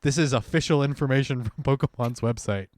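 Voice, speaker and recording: A man's voice: mid-range voice, fairly quick, a little mellow, no room sound, studio quality. A young man co-hosting a podcast in casual chat, reading announcements aloud and adding side comments. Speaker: podcast co-host.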